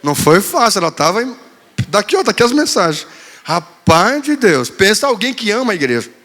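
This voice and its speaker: Man, pastor, sermon storytelling, playful, high voice, long church reverb. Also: very animated, fairly quick, sharp tone. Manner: storytelling, playful, acting out quotes. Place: church hall.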